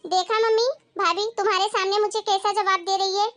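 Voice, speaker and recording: A woman voicing a spoiled, demanding young married daughter who complains in a shrill voice, in a dramatized moral story. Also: fairly even intonation, a little fast, a bit bright, soft background music. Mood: indignant.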